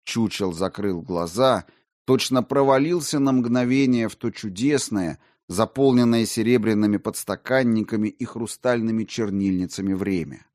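Guy reading an audiobook, lowish voice, dry close sound, steady. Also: moderate pace, dry recording. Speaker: audiobook narrator. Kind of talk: scripted narration.

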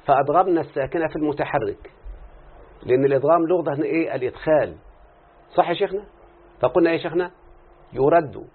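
A man with a husky, fairly high voice talks fast but leaves long pauses while teaching Arabic morphology in an Egyptian accent. He explains a text to the class and keeps testing students with short questions, all on a tinny, phone-quality recording.

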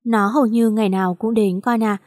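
A woman voicing a gentle, worried older father in an audio story, speaking with concern. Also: medium pitch, steady tone, brisk, no echo, clean studio sound, close to an everyday voice.

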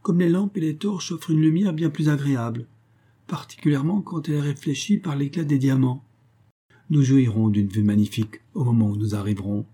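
Man reading as a coaxing, boastful underworld king in a storybook, raised voice, mellow and husky tone. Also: medium pitch, brisk, voice pushed up, lightly acted. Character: smooth, possessive male king of the underworld.

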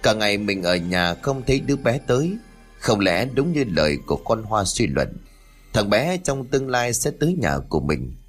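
Guy reading as a practical old granny thinking out loud, low voice, lively lilt. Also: normal speed, soft background music. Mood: brooding. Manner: thoughtful muttering to herself. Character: shrewd old grandmother, brooding and practical.

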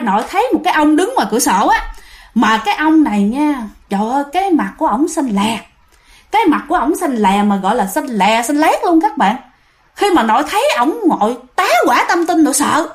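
A woman with a Southern Vietnamese accent telling a ghost story in a chatty, casual way, speaking straight to her listeners and correcting herself as she goes. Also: high-pitched. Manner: chatty, addresses listeners directly, self-correcting.

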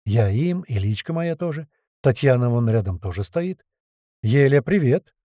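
A man reading an adventure story aloud as a narrator, in a lively storytelling manner. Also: mid-range voice, normal speed, no room sound, studio quality. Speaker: audiobook narrator. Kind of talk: scripted narration.

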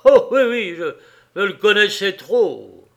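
A man's voice: high voice, expressive, slow pace, creaky, pitched above the performer's own voice, heavily acted. A man voicing a hulking young quarryman accused of a crime, talking in a thick, growling voice of helpless anger. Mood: growling, resentful.

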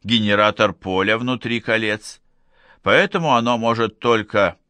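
A man's voice: fairly low pitch, steady tone, moderate pace, sharp tone, no room sound. A man doing a doubtful, winded scientist. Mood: skeptical. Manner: doubtful, short of breath.

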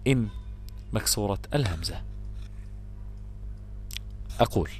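A man with an Egyptian accent teaching a lesson on Quran recitation, explaining patiently, repeating his examples and chanting verses slowly. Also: lowish voice, animated, a little mellow, slightly rough, soft background music. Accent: Egyptian Arabic.

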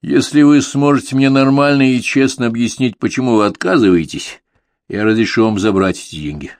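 A man's voice: lowish voice, expressive, fairly quick, darkish tone, dry recording, clean studio sound. A man reading a ruthless masked male crime boss in an audiobook, with a cold, commanding delivery.

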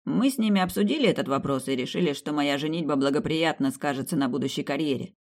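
A woman reading an audiobook, voicing a self-assured young man who charms and dodges questions with brisk confidence. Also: a little high, lively intonation. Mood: firm.

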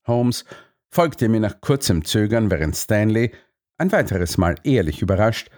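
A man reading a first-person story aloud as an audiobook narrator, in a measured, expressive way. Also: lowish voice.

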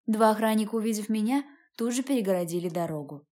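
A woman narrating a first-person audiobook in a steady, measured reading. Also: medium pitch. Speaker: audiobook reader.

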